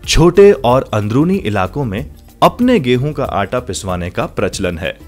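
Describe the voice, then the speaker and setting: A man reading scripted documentary narration in a measured, formal manner. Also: medium pitch, big pitch swings, faint music behind.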